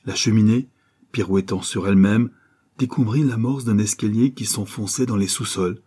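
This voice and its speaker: A man narrating an old adventure novel aloud in a measured, dramatic way. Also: on the low side, dark tone, husky. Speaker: audiobook narrator. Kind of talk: scripted storybook narration.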